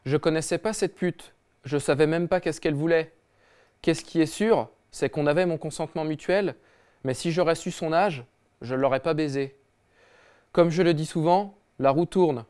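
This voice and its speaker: A man voicing a dim football star reading his own clumsy, ungrammatical letter slowly. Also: a little high, darkish tone, smooth, natural voice. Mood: sheepish. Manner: slow, ungrammatical, mumbling.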